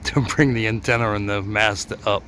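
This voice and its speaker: Standing at the base of an antenna tower, a camera operator and helper narrates a vlog while filming handheld, laughing at his own off-the-cuff comments. He speaks at normal speed in a fairly low, steady voice, with background noise audible.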